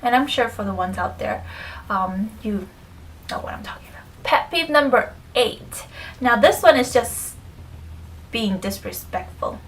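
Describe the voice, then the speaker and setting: A woman's voice: fairly high pitch, lively intonation, measured pace, a bit bright, distant mic, a little hiss or hum, low-quality recording. A young woman talking casually to camera about her pet peeves, full of fillers, sometimes dropping to a near whisper. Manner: chatty, many fillers, drops to near whisper. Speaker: vlogger.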